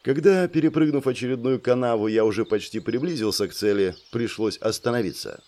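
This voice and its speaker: A man's voice: medium pitch, brisk, mellow. A man narrating an audiobook in the first person, with a wry, ironic manner.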